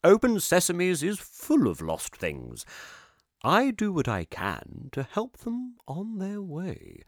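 A man voicing a large, jolly shopkeeper who speaks slowly and grandly. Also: high-pitched, huge pitch swings, dry recording, clean studio sound, pitched above the performer's own voice, heavily acted. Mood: jovial. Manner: slow, grand and welcoming. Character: booming large bearded male shopkeeper, jolly.

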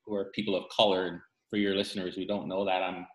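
A middle-aged Guyanese man speaks candidly and emphatically as a guest in an interview over a video call from an echoey room. His voice is deep and level and he talks fast, though it climbs sharply when he gets angry.

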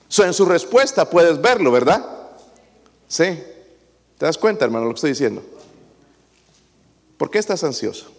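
A man's voice: fairly high pitch, long reverb tail. A man preaching a sermon as pastor, asking his congregation questions as he goes.

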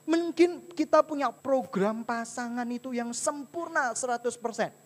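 A man's voice: very high-pitched, a little slow, in a large hall. A married man preaching a humorous sermon, poking fun at himself and constantly calling the audience his brothers and sisters. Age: adult, married. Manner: keeps addressing listeners as "saudaraku"; playful, jokes about himself.

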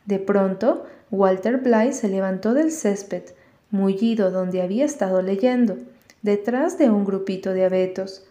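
A woman narrating an audiobook in a steady, expressive storytelling manner. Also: mid-range voice, a little slow.

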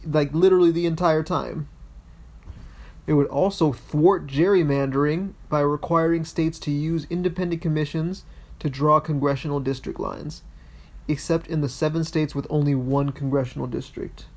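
A man's voice: on the high side, steady tone, a little mellow. A man co-hosting a podcast, talking politics casually, often stopping and restarting his sentences. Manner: halting, restarts often, reads bill text aloud. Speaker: podcast co-host.

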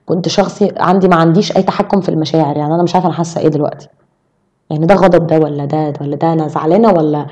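A young adult woman with an Egyptian Arabic accent, chatting as a podcast guest and explaining things with lively examples. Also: low voice. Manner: animated, explaining with quick examples. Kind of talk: casual chat.

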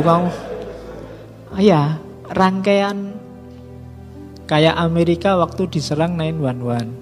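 A man giving a lively classroom lecture, acting out quoted speech and throwing in rhetorical asides. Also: fairly high pitch, big-room sound.

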